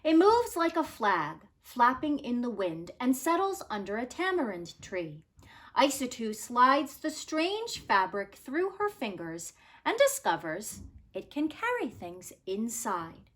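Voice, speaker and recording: This woman's voice sits a little high as she reads a children's picture book to listeners, teacher-style. She tells the story deliberately and with plenty of expression.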